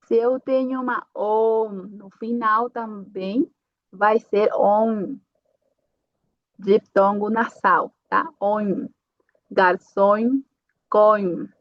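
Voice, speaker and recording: Slow, patient woman teaching pronunciation. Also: medium pitch, fairly even intonation, dry recording, lo-fi sound. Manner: checks in with "tá?" after each point, repeats sounds slowly. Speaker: language teacher. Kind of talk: slow explanatory lesson.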